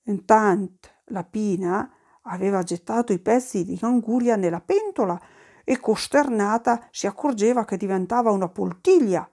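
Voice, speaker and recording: A woman tells a folk tale at an easy pace. Her voice rises and falls freely, and she drops lively asides in local speech as she goes. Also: mid-range voice, moderate pace. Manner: lively, slips into dialect asides. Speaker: storyteller. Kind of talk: folk storytelling.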